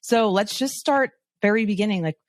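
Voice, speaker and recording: A woman hosting a business podcast, reading scripted intros and asking quick, upbeat follow-up questions. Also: medium pitch, no room sound. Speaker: podcast host. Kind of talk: reading ad copy and interviewing.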